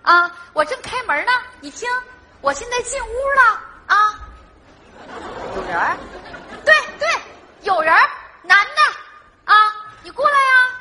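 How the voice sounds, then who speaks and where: A woman with a Northeastern Chinese accent playing a jumpy young woman who has just rented a flat, speaking briskly and bossily on a live stage. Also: very high voice, over a noisy crowd, heavily acted. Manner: brisk, bossy, easily startled. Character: jumpy young woman renting the flat, fleeing a jealous boyfriend. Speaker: sketch comedy actress. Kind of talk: stage comedy sketch. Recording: live stage with audience noise. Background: audience laughter.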